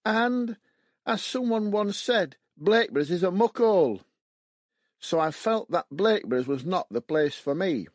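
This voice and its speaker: A man's voice: sits high, animated, measured pace, no room sound, studio quality. A man in his seventies from West Yorkshire, reading his own memoir aloud in a plain, matter-of-fact way. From West Yorkshire, England. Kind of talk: audiobook memoir narration.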